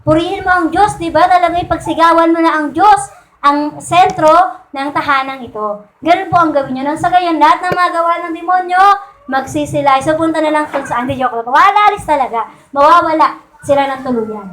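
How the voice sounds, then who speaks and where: A woman preaching a sermon in a conversational way, often checking in with her listeners through quick rhetorical questions. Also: high-pitched, fairly bright tone, a little hiss or hum. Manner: conversational, repeats and restarts points. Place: church meeting room. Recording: echoey room.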